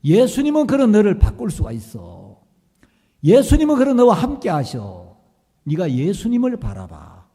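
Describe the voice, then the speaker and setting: A man playing a stern old pastor who shouts high and lively, dark voice, long church echo. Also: moderate pace, slightly rough, exaggerated voice. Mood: tender urging. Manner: shouting rebukes, later gentle. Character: stern older male pastor, thundering scolder.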